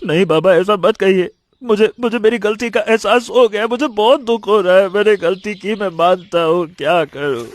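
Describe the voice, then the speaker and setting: A man's voice: very high-pitched, normal speed, no room sound. A man voicing a remorseful young village man in a cartoon, distraught and tearful.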